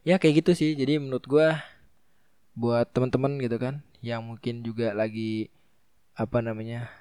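Young male podcast host, Jakartan accent, lisps his r. Mellow, smooth, close dry sound; informal, rambling delivery. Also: mid-range voice, level tone, normal speed, dry recording. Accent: Jakartan Indonesian. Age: young adult. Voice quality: lisp, trouble saying r. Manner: informal, rambling, repeats phrases. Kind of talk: casual solo advice talk.

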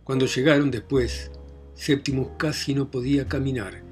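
A man reads a novel aloud in an ordinary mid-range voice. His pace is measured, and he lets his voice fall softly at the ends of phrases. Faint instrumental music plays quietly behind him. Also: mid-range voice, fairly even intonation. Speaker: narrator. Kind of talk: scripted narration of a novel.

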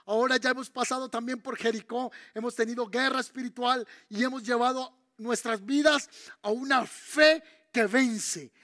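A man preaches a sermon in an unusually high voice for a man. He questions his listeners and drags out the phrases he wants to stress. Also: fairly even intonation, moderate pace, bright, forceful tone. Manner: preaching, asks the audience questions. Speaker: pastor.

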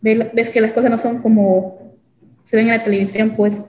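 A young woman from El Salvador, telling her own story as an interview guest in a halting way, with many fillers and restarts. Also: fairly high pitch, flat delivery, a little mellow, echoey room, slight background noise, poor audio. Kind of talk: hesitant personal testimony.

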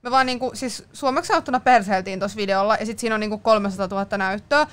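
A woman's voice: medium pitch, a bit bright, clean tone. Chatty woman in her twenties. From northern Finland. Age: 20s. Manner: chatty, filler-heavy casual speech. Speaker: guest, content creator. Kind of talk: casual chat.

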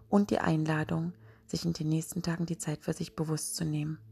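Breathy, low-voiced woman speaking softly into your ear. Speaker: podcast host. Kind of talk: soft, slow guided relaxation narration. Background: music.

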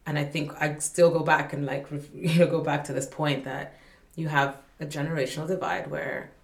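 On a podcast, a Malawian woman who serves as a humanitarian staff representative talks earnestly, repeatedly circling back with fillers and restarts. Her low-pitched voice moves little in pitch at a moderate pace, and the recording is reverberant.

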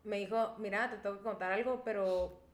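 A woman's voice: medium pitch, brisk. A young woman, a co-host who tells stories in casual chat and laughs along as she goes. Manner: lively storyteller, laughs while telling. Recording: echoey room.

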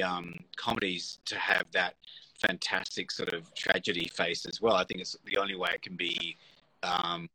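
A man with a fairly low but bright, forceful voice that has a husky edge. He speaks as a guest in a casual conversation, thinking aloud, hesitating and restarting his sentences. The sound is dry and close. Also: no echo, low-quality recording. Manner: thoughtful, hesitant, many restarts and fillers. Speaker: guest, comedy producer. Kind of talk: casual conversation on a live show.

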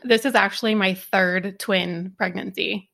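A woman co-hosting a casual podcast, speaking in a middle voice. She keeps a relaxed, easy manner and laughs as she tells her stories. She also leads the questions for the conversation. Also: medium pitch, unhurried, vocal fry. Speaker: podcast co-host.

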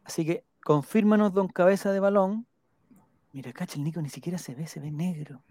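A live stream host with a Chilean accent talks casually in a dry, close sound. The delivery is playful and rambling, with viewer comments read aloud and names repeated slowly back. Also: medium pitch, darkish tone, dry recording. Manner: rambling, repeats names while jotting them down; playful, joking.

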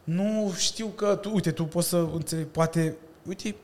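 A man in his thirties telling his stories as a podcast guest, animated and full of slang. His voice sits a little high for a man. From Romania. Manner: animated storytelling with slang and laughter. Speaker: podcast guest, breakdancer and stuntman. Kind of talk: casual chat.

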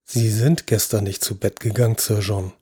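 A calm, patient neurosurgeon, voiced by the male narrator, reassuring and soft-spoken. His dark, husky tone sits close and dry, with no room around it. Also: fairly low pitch, normal speed, no echo. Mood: soothing. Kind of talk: audio drama acting.

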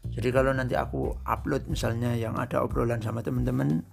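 A man's voice: mid-range voice, fairly even intonation, quick pace, vocal fry, over music. A man hosting his own podcast, talking in an easygoing, rambling, conversational way. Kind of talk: casual solo podcast monologue.

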